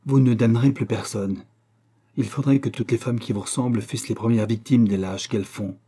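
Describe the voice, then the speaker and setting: A man reading aloud and voicing a vengeful young Venetian nobleman in a grim, measured tone. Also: mid-range voice, steady tone, mellow, slightly rough, lightly acted.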